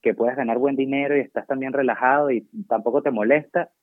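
A Venezuelan doctor working abroad chats casually as an interview guest, digressive and self-mocking, with a Venezuelan Spanish accent. His mid-range voice is fast with fairly even intonation. The recording is dry and tinny, like a phone line.

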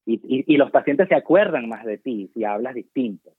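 A man's voice: medium pitch, expressive, normal speed, husky, no echo. Male guest doctor, Venezuelan accent, chatty and self-mocking, thin phone-line audio. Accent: Venezuelan Spanish. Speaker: guest doctor working abroad. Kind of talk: casual interview chat. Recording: tinny dry phone line.

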